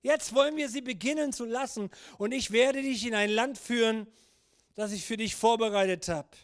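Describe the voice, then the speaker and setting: A pastor delivers his sermon in a notably high voice for a man. He speaks earnestly and urges his listeners on, sinking low and quiet whenever he gives God's words. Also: moderate pace, smooth. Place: church service.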